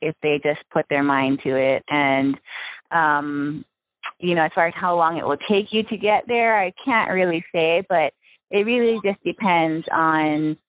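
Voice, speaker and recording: A young woman from Hawaii, a freediving spearfisher, talking casually as an interview guest with many ums and soft laughs. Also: deep voice, a little slow, no room sound. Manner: relaxed, chatty with frequent ums and soft laughs. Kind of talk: casual interview over the phone. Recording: tinny phone line, dry.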